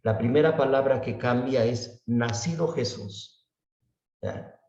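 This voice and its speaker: A man leads an unhurried Bible class, checking in with his listeners and stretching out each word he repeats. His voice sits far from the microphone in an echoey church room, and the recording is dull. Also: medium pitch, a little mellow. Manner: unhurried, often asks "¿verdad?" and draws out words he repeats. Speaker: Bible study teacher. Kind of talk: slow Bible class explanation.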